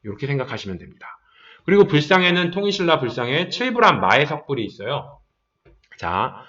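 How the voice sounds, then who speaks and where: A man teaching a history exam-prep lecture, his voice rising and falling in a lively way as he explains points and acts out quick bits of dialogue. He sits slightly high for a man. The sound is dull and a little distant from the mic.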